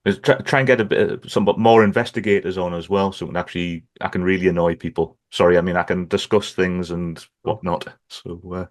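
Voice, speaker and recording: Low-voiced Gateshead man hosting a podcast. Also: fairly even intonation, fairly quick, hardly any pauses. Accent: Gateshead, North East England. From Gateshead, North East England. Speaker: podcast host. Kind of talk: casual chat.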